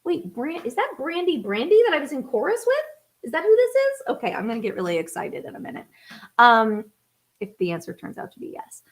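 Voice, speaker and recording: Live-streaming to her viewers, this Atlanta-area musician in her thirties talks in a high voice with wildly swooping pitch and a fairly quick pace. She's chatty and rambling, full of fillers and frequent laughter.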